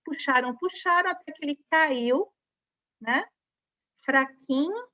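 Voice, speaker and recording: Slow, high-voiced Brazilian teacher. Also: female voice, animated, a bit bright. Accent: Brazilian Portuguese. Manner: patient, spells out syllables, frequent tag questions. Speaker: primary school teacher. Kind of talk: recorded online lesson for children. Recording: dull lo-fi recording.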